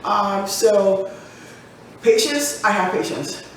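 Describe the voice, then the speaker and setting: A woman's voice: mid-range voice, slow pace, a little hiss or hum. Chatty woman in her forties. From United States. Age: 40s. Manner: chatty, laughs often, jokes. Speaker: podcast co-host. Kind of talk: casual chat. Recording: echoey room from far off.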